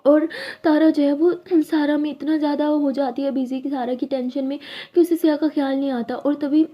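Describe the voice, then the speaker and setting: A woman's voice: high-pitched, flat delivery, moderate pace. A woman narrating a love story in a chatty, conversational storytelling way. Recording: dull lo-fi recording.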